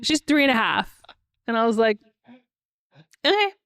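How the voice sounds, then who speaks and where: A woman in her thirties co-hosting a podcast, chatting casually, telling animated stories and acting out quotes with many "like"s. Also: fairly high pitch, moderate pace, clear, resonant tone, no echo, clean studio sound. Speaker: podcast co-host. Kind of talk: casual conversation.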